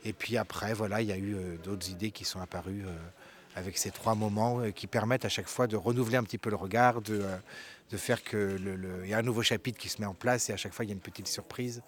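A man's voice: fairly low pitch, steady tone, fast. A man who is a storyteller and co-director of a theatre company, answering an interview casually with many hesitations and repeated words.

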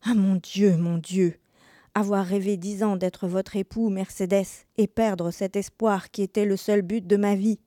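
A man's voice: high-pitched, flat delivery, measured pace, dark tone, no room sound, studio quality. A woman voicing a jealous young man, in his early twenties, who insists and begs in a dramatized reading. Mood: pleading. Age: young adult. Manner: pleading, insistent. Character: young man spurned in love, pleading and jealous.

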